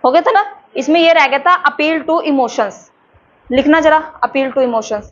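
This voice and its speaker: A woman teacher, lecturing a class and slowly dictating terms for notes in a chatty way. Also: high voice, a bit bright. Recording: dull lo-fi with faint background noise.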